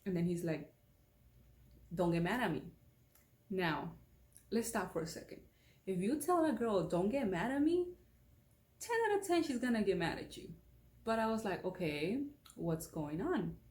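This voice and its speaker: A young woman tells a story straight to camera in a loose, rambling way, full of fillers. Her voice sits low and mellow. The room around her is echoey. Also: sing-song, moderate pace, long pauses. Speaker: beauty vlogger. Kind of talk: casual storytime vlog.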